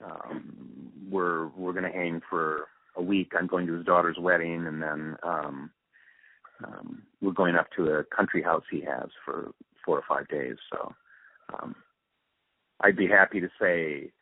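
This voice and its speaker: Calling in as an interview guest, a radio drama producer who sounds older talks about his craft and past in an easygoing, conversational way. His voice sits low and unhurried with fairly even intonation, and the dry recording comes over a tinny narrowband phone line.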